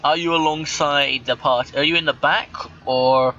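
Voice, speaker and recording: A man narrating as game master over a voice call, patient and halting as he describes the scene. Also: fairly high pitch, steady tone, bright, forceful tone, muffled recording.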